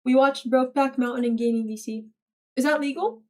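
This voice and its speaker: High-voiced playful woman streamer. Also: fairly even intonation, brisk. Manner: playful, reads chat aloud and answers it with mock-serious bits. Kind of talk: casual livestream chat.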